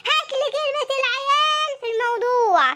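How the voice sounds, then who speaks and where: Brief: performer voicing an exhausted young Egyptian mom in a cartoon, shrill and bright, complaining in a rush. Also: a little fast, slight background noise. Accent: Egyptian Arabic. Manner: exasperated ranting, whiny. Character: fed-up Egyptian young mother of three. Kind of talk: cartoon comedy voice acting.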